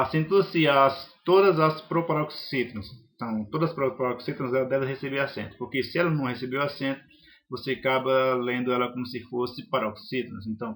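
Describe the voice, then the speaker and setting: A man's voice: mid-range voice, a bit bright. Methodical man teaching grammar. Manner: methodical, lists examples slowly, some hesitations. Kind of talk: spoken grammar lesson.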